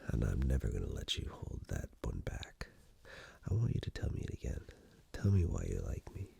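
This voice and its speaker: A man with an extremely low, breathy, gravelly voice half-whispers close to the mic in a slow, soft ASMR roleplay. He plays a flirtatious, playful romantic partner, and his delivery has a sing-song lilt.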